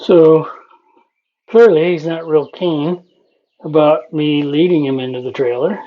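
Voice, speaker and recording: A man working as a horse trainer, calmly explaining a training session and talking softly to the horse in between. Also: on the high side, unhurried. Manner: calm, explanatory, talks to the horse between points. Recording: dull, lo-fi with faint noise.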